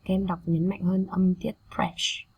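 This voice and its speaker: A woman's voice: fairly low pitch, level tone, a little slow, gravelly, darkish tone, husky, poor audio. A Vietnamese-accented woman teacher running an English pronunciation drill, saying each word several times and explaining in between.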